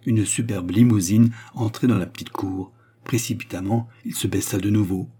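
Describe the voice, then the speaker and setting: A man reading a novel aloud in a steady, measured narration. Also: lowish voice, breathy edge. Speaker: audiobook reader. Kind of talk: scripted narration.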